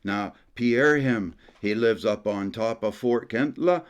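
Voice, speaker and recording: A man's voice: lowish voice, slow pace. A man doing a folksy Acadian French storyteller. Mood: folksy storytelling. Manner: folksy, rambling, tacks "there" onto phrases.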